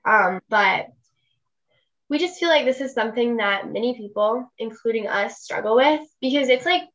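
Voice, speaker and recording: A woman's voice: on the high side, lively intonation, moderate pace, fairly bright tone, dull audio. A young woman co-hosting a podcast, chatting casually and using plenty of "like" fillers. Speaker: podcast co-host. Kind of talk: casual chat.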